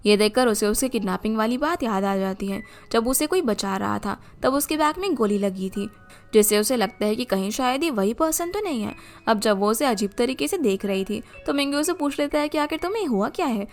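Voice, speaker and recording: A woman with a fairly high voice narrates a drama recap. Her scripted retelling moves steadily from scene to scene in the third person.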